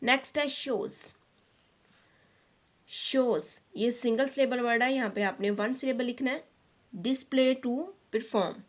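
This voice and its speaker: A woman teacher with a Pakistani accent, explaining a children's English textbook lesson and translating each English line into Urdu. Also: on the high side. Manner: reads English lines slowly, then translates each into Urdu.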